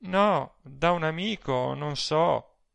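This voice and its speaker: Guy doing a proud tired lady, short cold answers, kinda high and gravelly, dry sound. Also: slow, fairly bright tone, dry recording, full character voice. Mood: weary. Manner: haughty, curt replies. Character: proud weary married woman, cool and aloof.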